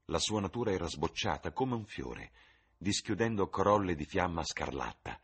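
A man narrating a literary audiobook in a measured, expressive reading. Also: sits low, slightly rough. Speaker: audiobook reader.

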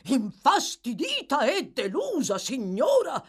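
A pompous, self-important parish beadle voiced by a woman speaks with grave, fussy ceremony in a storybook reading. His delivery is unhurried, and his pitch rises and falls widely. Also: sing-song. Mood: agitated. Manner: grand, fussy, solemn.

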